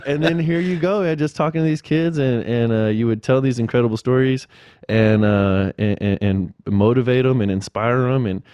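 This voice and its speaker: A man's voice: mid-range voice, normal speed, darkish tone, clean tone, dry recording. A man, a teacher and guest on the show, talking earnestly and casually, often saying "dude" and "man.". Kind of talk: casual conversation.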